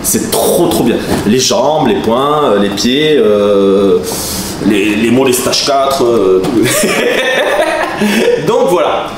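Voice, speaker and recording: This forty-something man from southern France draws out his words in a mid-range voice while telling chatty, laugh-filled stories to the camera, with animated asides. He's a vlogger and taekwondo master recorded in a room with a camera crew, where a distant mic catches roomy sound and background noise.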